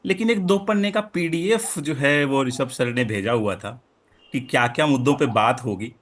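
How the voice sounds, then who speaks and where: Young man hosting a relaxed podcast chat. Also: mid-range voice. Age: young adult. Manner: laughs often, drawn-out conversational wrap-up. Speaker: podcast co-host.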